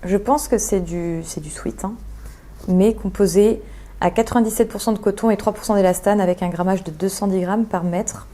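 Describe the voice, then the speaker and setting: A young woman sewing vlogger chats casually about fabrics, thinking aloud with lots of hesitations. Her voice is mid-range, dark and steady at a normal speed.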